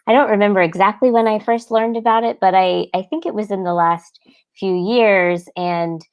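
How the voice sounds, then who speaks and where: A woman's voice: mid-range voice, steady tone, moderate pace, smooth, muffled recording. A woman from the United States answering as a panelist, thoughtful and a little hesitant.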